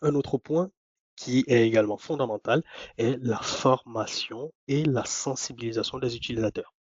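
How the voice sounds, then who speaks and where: A man giving a webinar presentation, explaining points step by step and often pausing on fillers and restarts. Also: mid-range voice, slightly rough, no echo. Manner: hesitant, many fillers and restarts. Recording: dry, dull lo-fi sound.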